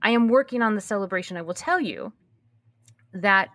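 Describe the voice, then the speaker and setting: A woman in her early fifties, herself a podcast host, is being interviewed and speaks candidly and reflectively in a conversational way. Her mid-range voice is animated and fairly bright at a moderate pace, on a dry recording, and she repeats phrases for emphasis.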